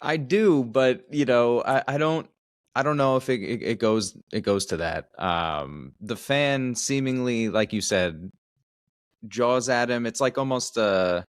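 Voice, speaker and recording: A man's voice: medium pitch, measured pace, smooth, no room sound, clean studio sound. A man co-hosting a podcast who speaks hesitantly, repeating words as he works toward a question. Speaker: podcast co-host. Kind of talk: casual chat.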